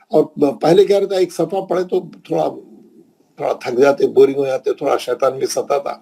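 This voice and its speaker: Patiently teaching a Quran recitation class, a man from India with a Hyderabadi Urdu accent repeats points and checks in with his students during this classroom lesson. His voice is fairly high-pitched, mellow and husky.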